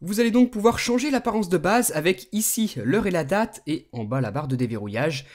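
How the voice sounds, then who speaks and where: Young french guy narrating a phone tutorial, bouncy up-and-down voice, upbeat. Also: sits high. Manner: lively, enthusiastic presenting. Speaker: tech video host. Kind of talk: voice-over tutorial.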